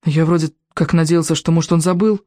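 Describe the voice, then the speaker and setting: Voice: medium pitch, fairly even intonation, brisk, a little mellow, no room sound, clean studio sound, natural voice. A reader voicing an embarrassed young boy who blurts out his excuses in an audiobook. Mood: flustered. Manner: blurting, defensive. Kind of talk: audiobook reading.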